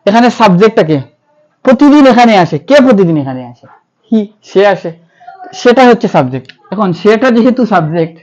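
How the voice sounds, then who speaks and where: A man's voice: high-pitched, a little mellow. Bangladeshi man teaching grammar, lo-fi. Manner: asks questions and answers them himself, spells words letter by letter. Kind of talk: classroom-style lecture. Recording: slightly dull, lo-fi.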